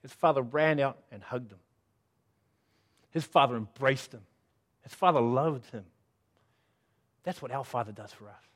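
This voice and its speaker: A middle-aged man preaching a sermon as pastor, earnest and self-deprecating, moving between loud appeals and hushed moments. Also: mid-range voice, unhurried, long pauses.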